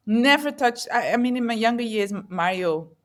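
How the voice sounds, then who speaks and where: A woman's voice: fairly high pitch, expressive, normal speed. A woman who grew up in the Netherlands, a guest in an interview, talking in an earnest, reflective way and often searching for words. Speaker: guest entrepreneur.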